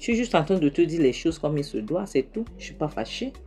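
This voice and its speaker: Brief: bitter scolding aunt, played by a woman, sarcastic and cutting, low-pitched. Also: sing-song, fast talker, mellow, faint music behind. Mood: scornful. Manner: sarcastic rhetorical questions. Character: scolding middle-aged aunt, sharp and mocking.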